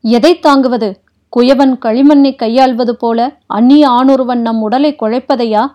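A woman's voice: fairly high pitch, fairly even intonation, measured pace, muffled recording, close to an everyday voice. A woman voicing a fiery, defiant young princess. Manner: sharp, forceful, defiant. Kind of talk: audiobook character reading.

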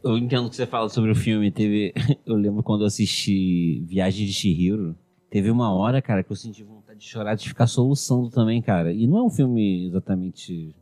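A Brazilian man co-hosting a podcast in a low, mellow voice. He talks in a relaxed, laid-back way. The recording is dry, with soft music faintly behind him. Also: fairly quick, no room sound. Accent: Brazilian Portuguese. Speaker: podcast co-host. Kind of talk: casual chat.

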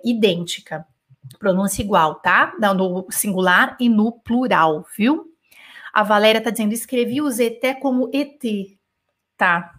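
A woman's voice: medium pitch, fairly bright tone. A Brazilian woman teaching French in a chatty live online lesson, answering comments and repeating sounds to show their rhythm. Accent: Brazilian Portuguese.

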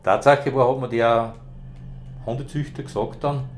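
A man's voice: medium pitch, steady tone, moderate pace, a little hiss or hum. A man, a former rescue dog handler, telling long rambling anecdotes in broad dialect in a casual interview.

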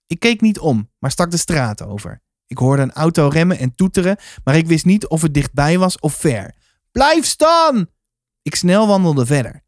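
A man reading a children's novel aloud in a calm, measured storytelling manner. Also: a little high, no echo, clean studio sound. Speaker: reader.

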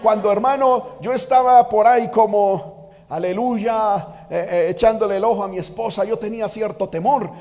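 Male pastor, sermon delivery, fervent with shouted peaks, long church-hall reverb. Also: high voice, normal speed. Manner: fervent, swings from quiet asides to shouted exhortation.

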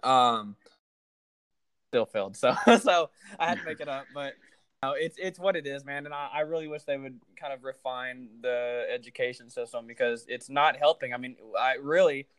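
Young dude around twenty, casual chat, swears a lot, dry close sound. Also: male voice, mid-range voice, normal speed, fairly bright tone, clean tone, no echo. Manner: loose and profane, with many fillers. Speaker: podcast host.

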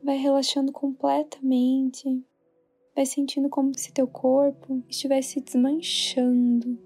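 Soft, mellow Brazilian woman guiding sleep meditation soothingly. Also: sits high, level tone, takes it slowly. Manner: soothing, hushed spa-like delivery. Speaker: meditation guide. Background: soft background music.

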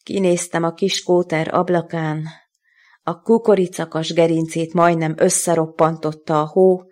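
Low-voiced woman reading her prose. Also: level tone, a little mellow. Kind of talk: literary reading.

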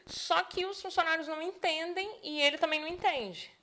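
A woman speaking as a sales expert in a casual podcast chat, animated and playing out quoted people as she talks. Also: extremely high pitch, brisk. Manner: animated, acts out quoted speech in other voices. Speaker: neurosales specialist, podcast guest.

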